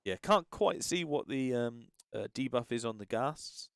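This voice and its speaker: A man with a smooth, clear voice hosts a tabletop gaming livestream in a dry-sounding space. He comments casually and haltingly, thinking out loud as he goes. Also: mid-range voice, expressive, no room sound.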